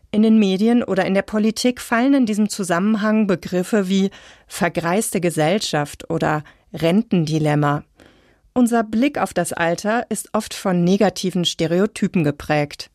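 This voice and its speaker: A woman reading a calm, scripted science radio feature. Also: lowish voice, no room sound, clean studio sound. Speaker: radio narrator.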